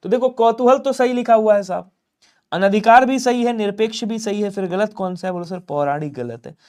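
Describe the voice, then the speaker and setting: A Hindi teacher from Lucknow, India, runs a live online exam-prep class in a fairly high, darkish, clear and resonant voice. He drills answers by throwing questions at viewers and answering them himself in a call-and-response rhythm. He keeps urging everyone to comment quickly.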